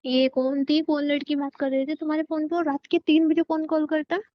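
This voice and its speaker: A woman's voice: sits high, level tone, fairly quick, close to an everyday voice. A woman playing a suspicious young pregnant wife who accuses and interrogates her husband in a scripted phone-call sketch. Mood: accusing. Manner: accusing, insistent, sharp-tongued. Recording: dull lo-fi phone-call sound.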